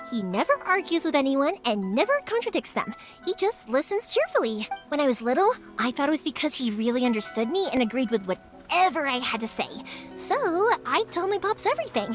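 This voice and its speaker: A woman's voice: sits high, fairly bright tone. An actress playing a chatty, spirited young woman who runs a fireworks shop and speaks patiently to her deaf father. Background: game music.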